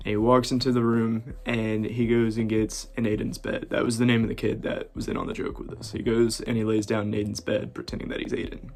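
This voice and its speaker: A man's voice: medium pitch, a little mellow. A young man telling a casual storytime in a laid-back way, often laughing between lines. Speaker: vlogger.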